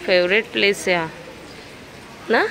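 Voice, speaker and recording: A woman with a Marathi accent narrating a casual vlog outdoors in the rain, gently coaxing her little daughter. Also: mid-range voice, steady tone, measured pace. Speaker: vlogger. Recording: loud outdoor background noise.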